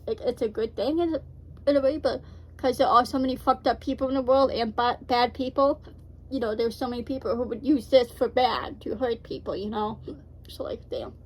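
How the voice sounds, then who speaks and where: Chatty woman host rambling on, kinda high voice, lots of "you know". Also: steady tone, brisk, low-quality recording. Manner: chatty, rambling with many fillers. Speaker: reaction video host. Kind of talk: casual chat.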